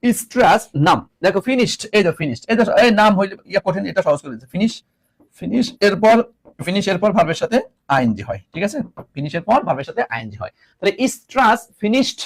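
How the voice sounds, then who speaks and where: A man's voice: sits high, fast, slightly rough. A man teaching English grammar in a video lesson, repeating each point and asking his students rhetorical questions. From Bangladesh. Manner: lively, repeats points, asks rhetorical questions, teasing asides.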